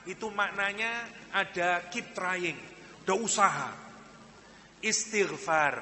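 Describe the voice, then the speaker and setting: A man's voice: sits high, bright, forceful tone, in a large hall, a little hiss or hum. A man with a Javanese accent preaching a sermon, telling stories and acting out the people in them. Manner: acts out the people in his stories, mixing in Javanese phrases. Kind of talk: sermon with storytelling.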